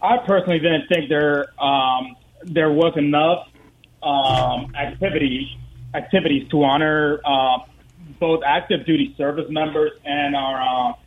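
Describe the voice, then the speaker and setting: Calling in as a radio guest, a Dominican parade co-founder in his thirties talks at a measured pace, full of fillers and restarts. His voice is on the high side with fairly even intonation, coming through a tinny phone line with slight background noise.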